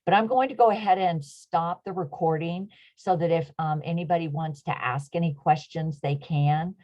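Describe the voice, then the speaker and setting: A woman hosting an online session over a video call, speaking haltingly with fillers and restarts. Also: lowish voice, fairly even intonation, darkish tone. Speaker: host. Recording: dull lo-fi video call audio.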